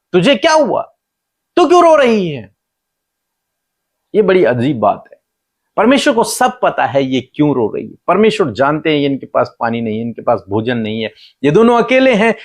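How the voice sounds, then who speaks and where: Impassioned male pastor, lively rising voice. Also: normal speed. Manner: impassioned, repeating phrases, pitch leaping up for emphasis. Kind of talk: sermon.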